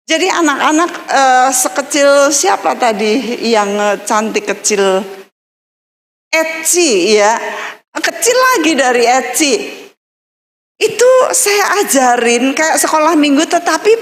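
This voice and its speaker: A woman pastor preaches with lively, swooping intonation and an unhurried pace. Her high voice rings out in a large church hall with a long echo. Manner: animated storytelling, addresses listeners as brothers and sisters. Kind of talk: sermon. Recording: echoey hall reverb.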